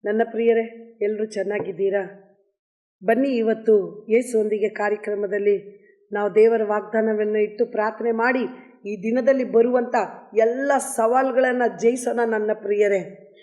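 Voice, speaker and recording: A woman's voice: medium pitch, steady tone, moderate pace, mellow. Earnest woman preaching a sermon. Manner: earnest, repetitive address to listeners. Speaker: pastor. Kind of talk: devotional sermon and prayer.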